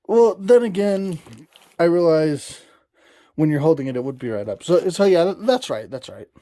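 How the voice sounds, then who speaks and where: A man's voice: fairly high pitch, lively intonation, moderate pace, warm tone, no echo. A man hosting a toy review channel, giving a casual how-to demonstration at home, rambling with lots of "uh" fillers and self-corrections. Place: home recording studio. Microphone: camera mic, partly a GoPro.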